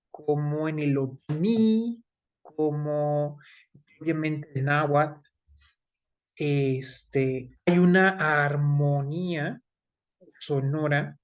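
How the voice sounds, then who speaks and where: A man in his forties with a Mexican Spanish accent, a teacher giving an online class in a discursive way, with many fillers and tag questions. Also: a little high.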